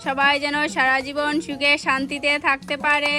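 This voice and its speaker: A woman's voice: sits high, monotone, normal speed, pushed and bright. A woman vlogger narrating a doll wedding game, coaxing and exclaiming as she goes. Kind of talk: casual narration of doll play. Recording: music playing underneath.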